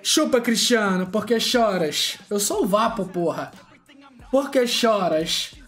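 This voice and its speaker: Boastful streamer, slow taunting drawl. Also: male voice, high voice. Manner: boastful and taunting, with long drawn-out chanted catchphrases; shouts and laughs loudly at lucky pulls. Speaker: gaming streamer. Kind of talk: excited gacha-pull commentary.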